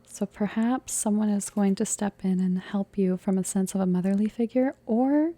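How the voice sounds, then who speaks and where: A woman doing a whispered role-play as an ASMR tarot reader, soft and comforting, slipping between a low voice and an unvoiced whisper, her voice tired and cracking. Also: normal speed, no echo.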